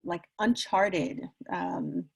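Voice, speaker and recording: A woman moderating a casual online interview in a gentle, attentive way, often repeating words as she feels out a question. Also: on the low side, wildly swooping pitch, drawn-out words, vocal fry, husky.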